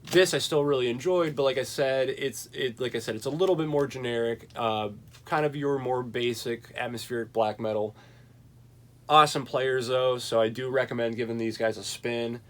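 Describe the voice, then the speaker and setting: A young man talks loosely through the records he has bought lately, enthusiastic and rambling. He reaches for fillers and restarts as he thinks aloud, with a voice of middling pitch. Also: steady tone, moderate pace, a bit bright. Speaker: vinyl collection reviewer. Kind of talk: casual record collection chat.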